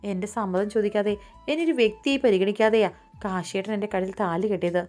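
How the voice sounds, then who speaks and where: A woman's voice: mid-range voice, fast talker, faint music behind, natural voice. A woman doing a timid, pleading young wife. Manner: soft, pleading, stammering.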